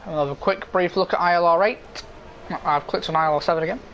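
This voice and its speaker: A man's voice: high voice, fast talker, a bit bright, slight background noise, rough recording. A man giving informal live motorsport commentary on an online racing game.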